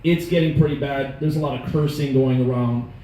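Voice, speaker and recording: A man in his thirties doing stand-up, telling stories in an animated, profane, self-mocking way. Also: medium pitch, fairly quick. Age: 30s. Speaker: stand-up comedian. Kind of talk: stand-up storytelling. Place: comedy club stage. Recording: echoey room, faint noise.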